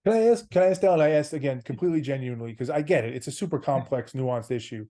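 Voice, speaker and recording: A man hosting a podcast conversation, with a mellow, relaxed voice at an ordinary pitch. He thinks aloud, hedges his points and asks careful, gentle questions. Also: fast talker. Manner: reflective, hedging, gently probing. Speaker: podcast host. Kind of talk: conversational interview.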